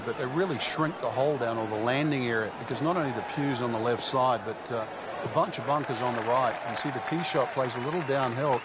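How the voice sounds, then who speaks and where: A man playing a conversational golf analyst, explaining shots and course strategy as co-commentator in a sports video game, over loud crowd noise. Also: mid-range voice, close to an everyday voice. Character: conversational male golf expert analyst in the booth.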